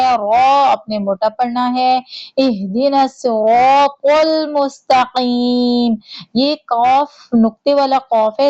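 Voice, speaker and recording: A woman with a fairly high voice and a Pakistani Urdu accent teaches Quran recitation in a patient, measured way. She recites each verse slowly and then explains the pronunciation. The sound is dry and a little muffled. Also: a little mellow, no room sound. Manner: slow, measured recitation alternating with patient instruction.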